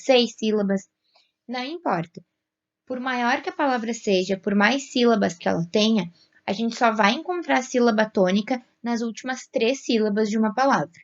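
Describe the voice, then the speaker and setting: A woman's voice: on the high side, lo-fi sound. A woman teacher with a Brazilian Portuguese accent, patiently explaining a grammar lesson and stretching out example words. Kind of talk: classroom explanation.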